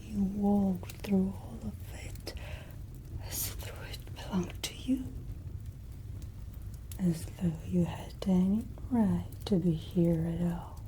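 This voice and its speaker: A woman playing a menacing, aristocratic vampire lady in a whispered ASMR roleplay, haughty, breathy and softly threatening. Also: medium pitch, steady tone, slow pace, a little hiss or hum, close to an everyday voice, poor audio. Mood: bitter grief. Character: menacing aristocratic vampire lady, vengeful captor, cold and imperious.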